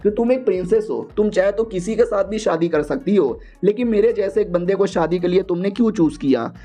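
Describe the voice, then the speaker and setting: A man's voice: high-pitched, lively intonation, a little fast, warm tone, soft background music. A man voicing a prickly, reluctant young husband who keeps refusing his wife in a manhua recap. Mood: irritated. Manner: irritated, refusing.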